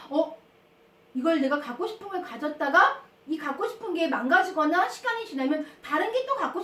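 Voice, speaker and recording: A woman teaching a Sunday school class for children, telling stories in an animated, sing-song way. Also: sits high, slight background noise. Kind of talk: children's sermon. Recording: echoey room, far from the mic.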